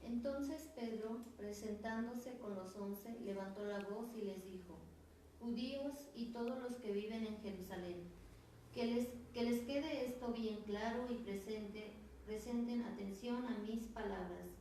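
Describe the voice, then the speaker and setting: A woman with a Mexican accent, a class member reading a Bible passage aloud slowly and carefully. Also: a little high, mellow. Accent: Mexican Spanish. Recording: roomy echo, distant mic, faint noise.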